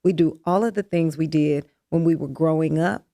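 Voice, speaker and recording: Guest in her 50s, woman with a low, gravelly voice, calm and measured. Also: no echo, clean studio sound. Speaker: interview guest. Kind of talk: candid interview chat.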